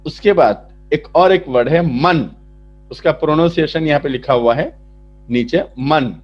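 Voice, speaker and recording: Male teacher, slow and patient, fairly high voice, dull lo-fi recording. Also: faint music behind. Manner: slow, repetitive explaining, asks then answers. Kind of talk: lesson explaining a vocabulary chart. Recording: dull lo-fi sound.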